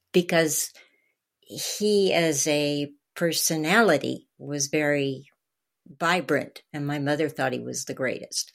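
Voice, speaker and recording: An older woman, a guest in an interview, telling anecdotes enthusiastically, laughing often and acting out quoted dialogue. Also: deep voice. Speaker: interview guest, former tour guide. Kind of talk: anecdotal storytelling.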